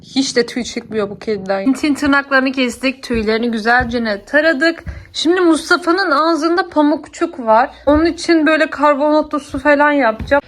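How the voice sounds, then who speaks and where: A woman's voice: sits high, normal speed, few pauses, a bit bright. A woman vlogger talking casually to her viewers about her day. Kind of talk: casual vlog narration to viewers.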